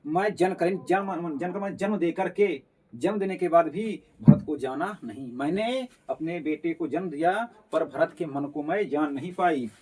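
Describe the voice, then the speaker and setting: A man's voice: on the high side, unhurried, a little mellow, husky. A male teacher explaining a Hindi poem line by line, repeating and paraphrasing each phrase as he goes.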